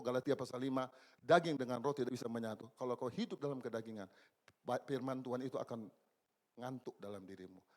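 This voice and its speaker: A man in his sixties preaching a church sermon, swinging between loud exclamations and low, quiet asides. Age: 60s. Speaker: pastor. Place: church service.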